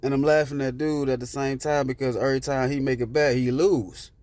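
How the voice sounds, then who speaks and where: A man's voice: mid-range voice, fairly even intonation, a little fast, a little mellow, no room sound. Man rambling through a story in his car. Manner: rambling, profane, street slang. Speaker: vlogger telling a personal story. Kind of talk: casual storytelling.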